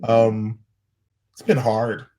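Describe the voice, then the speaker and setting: Earnest man, 30s, pastor; low-pitched, halting storyteller. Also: flat delivery, dark tone. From United States. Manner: earnest, halting, with many restarts. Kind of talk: personal storytelling in conversation.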